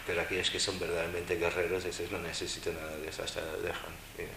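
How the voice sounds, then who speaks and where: A man's voice: deep voice, monotone, quick pace, gravelly, background noise. Man, Buddhist teacher, wry mocking dharma talk, echoey room. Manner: wry, mocking asides with mimicked voices. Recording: roomy echo with faint ambience.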